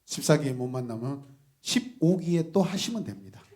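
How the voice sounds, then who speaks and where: A male pastor preaching an animated sermon, shifting between soft asides, laughter and sudden shouts as he calls out to the congregation. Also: mid-range voice, normal speed. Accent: Gwangju.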